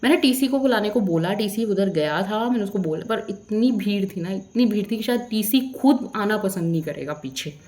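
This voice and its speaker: A young woman recounts a run-in in a storytime vlog, talking in a heated, indignant rant. Her voice sits at an ordinary middle pitch for a woman. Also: animated, moderate pace, few pauses, a little mellow. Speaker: vlogger.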